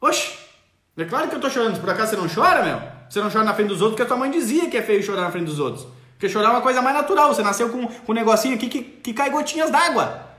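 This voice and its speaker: Animated high-pitched man giving parenting advice. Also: racing, reverberant. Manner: animated, acts out parent and child voices. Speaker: parenting advice live-stream host. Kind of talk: casual live-stream advice.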